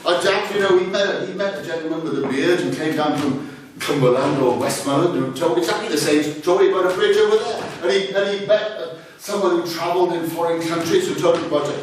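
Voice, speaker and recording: A man's voice: fairly high pitch, quick pace. A man from Wales telling a folk tale live to an audience, with playful asides. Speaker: storyteller. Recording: echoey room from far off, noisy.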